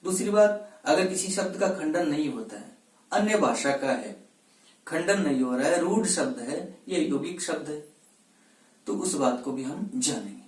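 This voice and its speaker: A man with a somewhat high voice teaches a grammar class for exam students. He asks questions, answers them himself and drills words by repeating them. He sounds distant from the mic, in a room with a lot of echo. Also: animated, normal speed. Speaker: Hindi teacher. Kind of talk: exam-prep grammar lesson.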